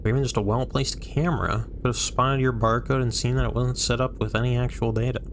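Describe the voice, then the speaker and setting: A man's voice: medium pitch, steady tone, quick pace, a little hiss or hum, lightly acted. A man voicing a sardonic, guarded male investigator in a fandub, speaking drily. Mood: dry. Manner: dry, sardonic. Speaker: stream host reading the lead.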